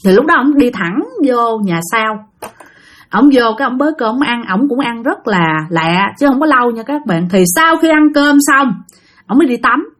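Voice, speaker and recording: A woman's voice: on the high side, expressive, normal speed. A woman telling a ghost story casually, chatting directly to her listeners.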